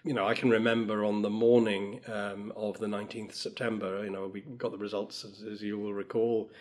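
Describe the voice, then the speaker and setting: A man's voice: lowish voice, little pitch movement, brisk. A middle-aged man from Wales, a former politician answering interview questions thoughtfully, with frequent fillers. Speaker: guest, professor and former politician.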